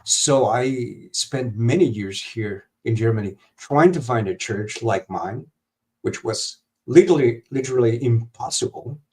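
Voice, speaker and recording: Halting man on a video call. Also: medium pitch, lively intonation, a little mellow. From Honduras. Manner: halting, many fillers and restarts. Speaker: guest. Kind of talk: live stream interview over video call.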